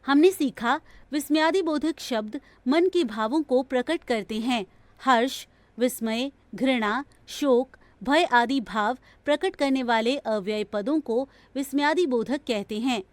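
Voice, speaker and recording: Woman, textbook audio reader, unhurried, dry close sound, measured grammar lesson. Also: sits high, no echo. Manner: slow, measured, even textbook delivery. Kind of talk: scripted grammar lesson reading.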